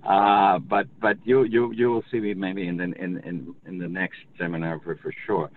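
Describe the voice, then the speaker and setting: A man's voice: low voice, level tone, normal speed. An older man speaking over the phone in an unscripted webinar discussion, explaining at length with many restarts. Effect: heard over the phone. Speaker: industry representative in a webinar. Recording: tinny phone line, faint noise.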